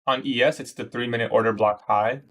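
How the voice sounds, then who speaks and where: A medium-pitched man talks a little fast with a steady tone. He's twenty-one, from Iraq, and hosts a live day-trading stream where he comments on trades and answers chat in a slangy, casual way, addressing viewers as "bro."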